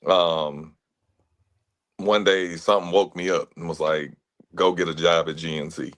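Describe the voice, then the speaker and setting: Deep-voiced laid-back man. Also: steady tone, a little slow, a bit bright. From Atlanta, Georgia, US. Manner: laid-back, frequent "you know what I'm saying". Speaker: interview guest, actor and fitness trainer. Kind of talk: relaxed conversational storytelling.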